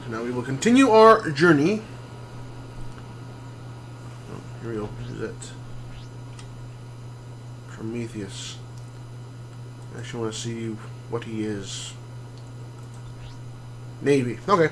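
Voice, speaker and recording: A man's voice: mid-range voice, measured pace, long pauses, a little hiss or hum. Man rambling through game commentary. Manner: relaxed, rambling explanations with many fillers. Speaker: game streamer. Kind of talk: casual gameplay commentary.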